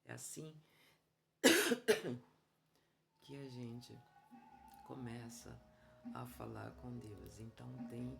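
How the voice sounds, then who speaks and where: A man with a Brazilian Portuguese accent giving an informal religious teaching, halting and full of fillers and restarts. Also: medium pitch, animated, vocal fry. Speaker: evangelical preacher. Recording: loud music bed behind voice.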